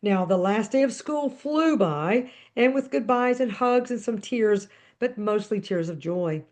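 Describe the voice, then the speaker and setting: Woman reading a story aloud, measured. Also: mid-range voice, animated, darkish tone. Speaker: podcast host. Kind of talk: reading her book aloud with brief commentary.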